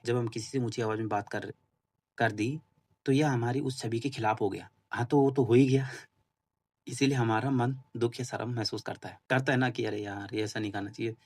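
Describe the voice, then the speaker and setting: A man's voice: mid-range voice, a little mellow, breathy edge. A man giving an informal, earnest spoken explanation, casual and repetitive, with many fillers and restarts. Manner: earnest, admits he is still learning. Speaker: spiritual talk host.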